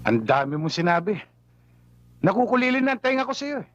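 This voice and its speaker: A gruff, blunt suitor. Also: male voice, high voice, big pitch swings, dull audio, a little hiss or hum. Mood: gruff, loud. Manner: gruff, blunt, quick to raise his voice. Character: gruff working man, gentlemanly but rough. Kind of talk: film drama acting.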